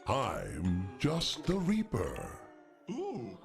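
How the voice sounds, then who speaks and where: An actor playing a dryly amused male Grim Reaper, narrating a game trailer in a wry, gravelly voice. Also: mid-range voice, huge pitch swings, drawn-out words, exaggerated voice. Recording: trailer audio with loud music.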